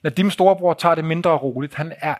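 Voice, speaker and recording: In a live talk, a man with a slightly high voice tells an audience a vivid, blunt travel story, swearing and pointing out photos.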